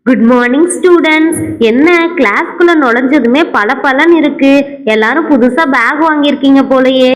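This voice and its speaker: A kind but firm schoolteacher doll who settles her pupils' quarrels, played by a woman in a homemade doll cartoon. She talks in a gently scolding, instructive way, with a slightly high voice. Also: normal speed, close to an everyday voice.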